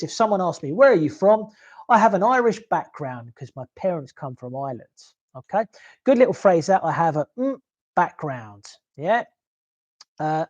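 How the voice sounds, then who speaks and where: Man, online teacher, lively pitch, keeps asking "okay?". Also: highs cut off. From London. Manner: animated, checks in with listeners, okay and yeah. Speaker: English exam teacher. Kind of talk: online lesson on a video call.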